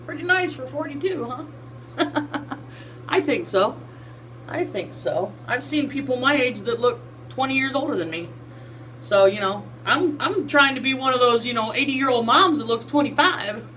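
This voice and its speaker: A woman in her early forties, working as a skincare vlogger, chats casually through her routine in a small home bathroom. Her voice is high and fairly bright, and her folksy talk is full of fillers. The built-in camera mic sits close, giving a low-quality recording with slight background noise.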